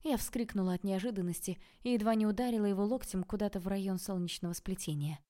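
A woman narrating a first-person audiobook in a steady storytelling manner. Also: mid-range voice, fast talker.

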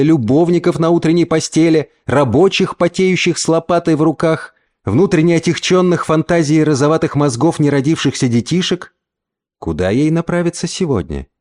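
A man reading a story aloud as narrator, with an expressive, storytelling delivery. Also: mid-range voice. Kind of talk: scripted narration.

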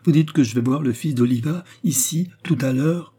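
A man's voice: mid-range voice, normal speed, dark tone, husky, close to an everyday voice. A man reading an audiobook voices an anxious, overjoyed young father who talks breathlessly and gushingly.

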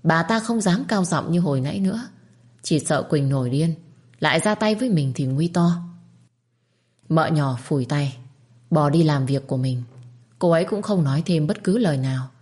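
A woman narrating a dramatic story in a steady, measured reading voice. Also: sits low. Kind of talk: scripted narration.

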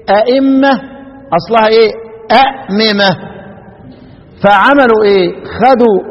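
A man with an Egyptian accent teaching Quran recitation, asking his students questions and chanting verses slowly. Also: high-pitched. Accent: Egyptian Arabic. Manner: asks students rhetorical questions. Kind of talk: explaining a recitation poem. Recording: dull lo-fi recording in long-echo hall.

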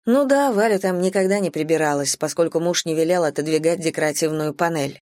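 A woman narrating an audiobook in an expressive, varied tone, close to the mic. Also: low-pitched, brisk, no echo. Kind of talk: scripted narration.

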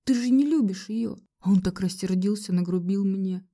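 A woman's voice: mid-range voice, normal speed, mellow, lightly acted. A woman voicing a young man, a blunt, caring friend who retells gossip in casual slang, read for an audiobook. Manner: chatty, loose spoken retelling. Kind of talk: audiobook reading.

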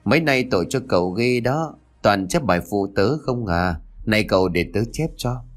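A man voicing a shy, modest schoolgirl in a read-aloud story, soft-spoken and self-deprecating. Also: lowish voice, animated, moderate pace.

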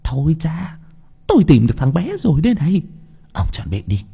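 A man's voice: a little high, huge pitch swings, brisk, gravelly, mellow, husky, voice pushed up, exaggerated voice. A man voicing a cruel old woman who once ran gangs, screeching and scolding. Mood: excited. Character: cruel old female ex-gangster, shrill and bossy.

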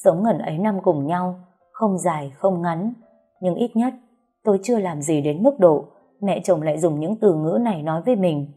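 A woman narrating a story in the first person, calm and even. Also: lowish voice, normal speed, husky, soft background music.

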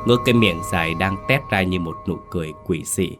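A man with a very deep voice narrates a scripted ghost story. He tells it steadily and with suspense. Soft background music plays beneath him. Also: fast talker. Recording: faint music underneath.

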